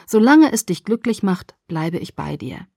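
Edward, a woman reading as a calm young man. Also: on the low side, unhurried, gravelly, no room sound, clean studio sound, full character voice. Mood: soft, tender. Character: calm, gently teasing young man at a hospital bed.

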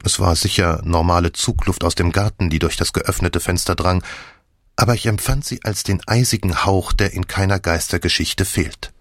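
Low-voiced man narrating a crime story. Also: fairly even intonation, normal speed, fairly bright tone, no room sound, clean studio sound. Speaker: audiobook narrator. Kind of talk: scripted first-person crime narration.

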